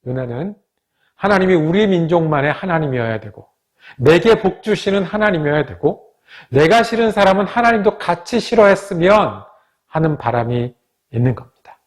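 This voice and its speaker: A man, a pastor, teaching a Bible study in a measured way and asking the listeners questions. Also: on the high side, expressive.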